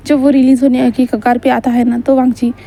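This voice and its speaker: A woman's voice: on the high side, level tone, a little fast, mellow. A woman narrating a fan story in a casual, rambling way, with many fillers and English words mixed in.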